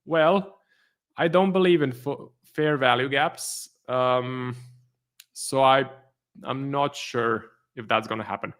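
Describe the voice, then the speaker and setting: Slow, clear and resonant, the mid-range voice belongs to a Croatian man hosting a trading livestream in Croatian-accented English. He keeps things relaxed, reading out viewer questions and responding with easygoing commentary.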